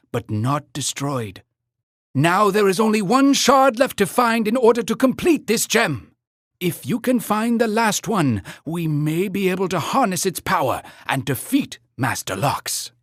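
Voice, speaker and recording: A man's voice: sits high, fairly bright tone, no room sound, studio quality, exaggerated voice. A man voicing a pompous, earnest cartoon mayor in a video game, announcing in a grandiose, theatrical way. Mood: excited, hopeful. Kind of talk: scripted video game narration.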